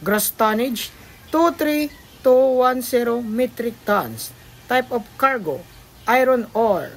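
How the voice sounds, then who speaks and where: A woman's voice: a little high, animated, slow, full character voice. A woman playing a ship's radio officer, making formal, procedural marine radio calls to port control in a school exercise. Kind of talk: scripted marine radio exchange.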